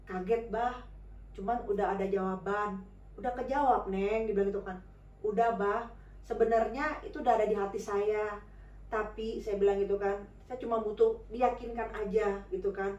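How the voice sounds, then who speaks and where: A woman's voice: on the high side, a little mellow, reverberant, distant mic, lo-fi sound. A woman telling a personal story in a chatty, informal way, full of fillers and acted-out dialogue. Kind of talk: casual spoken storytelling.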